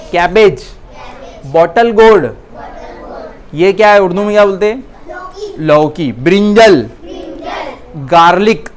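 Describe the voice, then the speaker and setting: A woman's voice: fairly low pitch, a little hiss or hum. A woman teaching a class, naming words and coaxing students to answer her questions. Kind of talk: classroom lesson.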